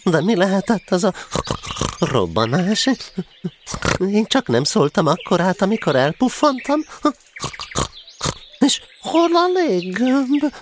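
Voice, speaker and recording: An actor playing a small, timid, fretful but polite piglet in a children's radio play. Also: male voice, high-pitched, sing-song, long pauses. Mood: puzzled. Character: small, timid, anxious, well-meaning male piglet. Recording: clearly audible background noise.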